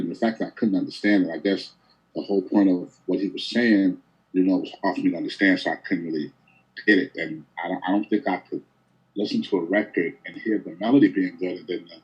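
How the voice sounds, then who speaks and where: Man, judge, very low husky voice, hesitant halting delivery. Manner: hesitant, halting, full of "you know". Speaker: judge, music producer. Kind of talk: judge's feedback. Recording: muffled call audio.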